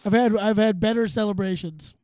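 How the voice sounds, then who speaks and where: A man in his forties with a notably high-pitched voice hosts a comedy podcast from a studio. He riffs playfully and repeats his co-host's lines back for laughs. The sound is close and dry, with no room in it. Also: fairly quick, warm tone, clean tone, no echo. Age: 40s. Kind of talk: casual comedic banter. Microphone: studio microphone.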